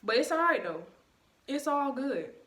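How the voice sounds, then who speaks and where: A woman's voice: high voice, big pitch swings, measured pace, fairly bright tone, a little hiss or hum. A young woman vlogger in casual storytime chat, retelling events with emphatic, indignant energy, in her bedroom at night. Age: young adult. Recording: roomy, mic at a distance.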